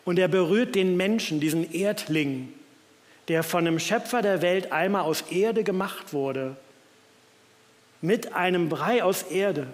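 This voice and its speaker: A man's voice: sits high, a little slow. A man preaching a sermon in a church, thoughtful in tone, reading scripture aloud along the way. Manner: reflective, reads scripture aloud. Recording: long church reverb.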